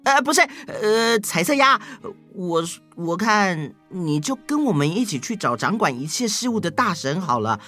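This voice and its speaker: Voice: medium pitch, very animated, normal speed, few pauses, pushed and bright, soft background music. A performer with a Taiwanese Mandarin accent voicing a friendly, hesitant monkey who was once a young man. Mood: helpful. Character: helpful scratch-headed monkey, formerly a young man.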